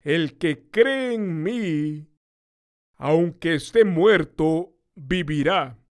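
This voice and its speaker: A man's voice: on the high side, expressive, drawn-out words. A man voicing a grave, authoritative male teacher. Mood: solemn.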